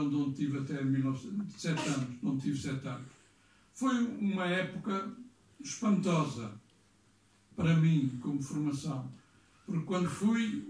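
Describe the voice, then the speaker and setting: An older man giving a rambling, halting speech at a gathering, reminiscing as a former museum director. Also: fairly high pitch, darkish tone. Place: hall of a cultural society. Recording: echoey room, mic far off.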